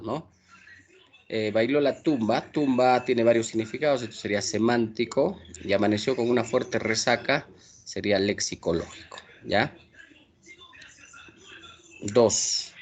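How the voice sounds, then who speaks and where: A man teaching an online language class, possibly with a Peruvian accent, moving quickly through exercises and checking in with his students. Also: medium pitch. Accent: Peruvian Spanish. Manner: brisk, checks understanding with frequent tag questions.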